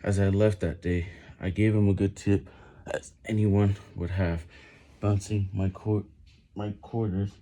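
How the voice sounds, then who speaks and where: A man's voice: fairly low pitch, level tone, unhurried, dark tone. A man reading a book aloud while doing push-ups, stumbling over and repeating words under the physical effort. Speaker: vlogger reading on camera.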